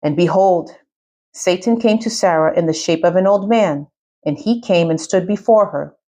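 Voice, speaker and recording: A woman reading scripture aloud with measured, steady narration. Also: lowish voice. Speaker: scripture reader.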